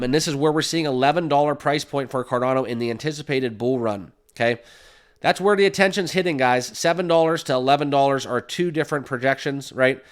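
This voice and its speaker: A crypto YouTube host talks casually to the camera in a smooth, mid-range voice despite a sniffly cold. He stays upbeat, packs in fillers, and keeps asking "right?"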